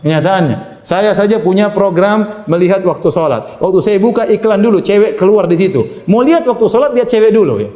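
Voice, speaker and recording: A man giving a Ramadan sermon in an animated manner, quoting Arabic and translating it, with humorous asides. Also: high voice, brisk, hardly any pauses. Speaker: preacher. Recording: echoey room.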